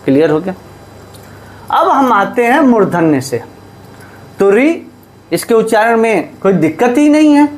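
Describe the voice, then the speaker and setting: A male teacher giving a lesson, who asks questions and answers them himself and repeats the key terms. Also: extremely high pitch. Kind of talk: classroom lesson.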